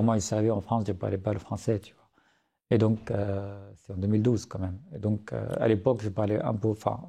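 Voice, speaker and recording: Here a guest author on a podcast interview, a man in his late thirties originally from Syria, talks earnestly in Arabic-accented French, often hesitating and starting over. The voice is on the low side: gravelly, dark-toned and a little rough.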